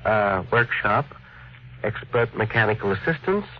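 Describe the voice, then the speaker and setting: An actor playing an earnest, courteous, dreamy inventor who is hesitant yet insistent, in 1950s radio drama style. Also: male voice, fairly low pitch, very animated, a little slow. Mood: polite, measured. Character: earnest, polite, dreamy male inventor, quietly persistent. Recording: dull vintage radio recording.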